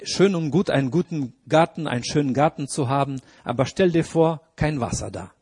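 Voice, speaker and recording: Husky-voiced man preaching with rising emphasis. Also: fairly high pitch, fairly quick, a little mellow. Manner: earnest, hesitant with restarts and fillers, rises when stressing points. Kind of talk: sermon.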